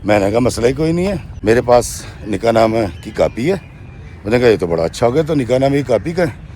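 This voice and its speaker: Here a man speaks in a mid-range, very animated voice with a dark tone and faint hiss or hum. He narrates a true story for his viewers in the woman's own words, often tacking on "she says," and at times greets his listeners as friends.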